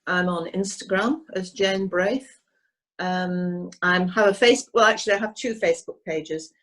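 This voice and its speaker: A woman, an equestrian painter, talks hesitantly with many pauses and restarts in a video call interview, her voice slightly hoarse. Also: lowish voice, fairly bright tone, low-quality recording.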